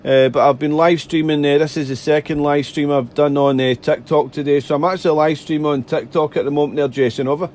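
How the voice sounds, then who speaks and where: A man's voice: on the high side, steady tone, brisk, hardly any pauses, darkish tone, slight background noise. A man making amateur radio contacts, chatty and polite, repeating himself and spelling out callsigns phonetically. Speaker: amateur radio operator, live streamer. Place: radio desk indoors.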